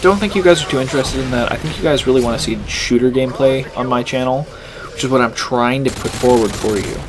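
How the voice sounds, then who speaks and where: A man's voice: medium pitch, fast. A teenage boy from California rambling casually while commentating his own gameplay. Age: teens. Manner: rambling, chatty, self-deprecating. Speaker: gaming channel host. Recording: game noise behind voice.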